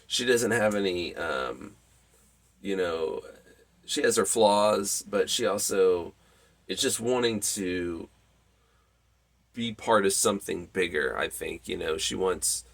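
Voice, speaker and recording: A man giving a casual, rambling movie review, full of ums and restarts, with lively enthusiasm. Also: sits low, slow pace, gravelly, long pauses. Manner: rambling, many fillers and restarts.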